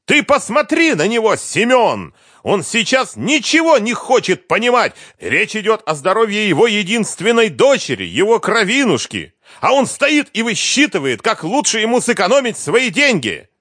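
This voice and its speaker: A man voicing a hysterical ex-wife who shrieks accusations in a high, strained voice. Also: very animated, moderate pace, dry recording, clean studio sound. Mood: screaming. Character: shrill hysterical ex-wife, woman, screaming.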